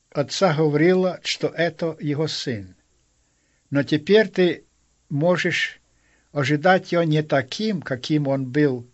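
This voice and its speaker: A pastor delivers a sermon in a very slow, measured voice, pausing often between phrases. His voice sits a bit high for a man. The recording sounds dull and lo-fi. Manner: slow, measured storytelling with many pauses.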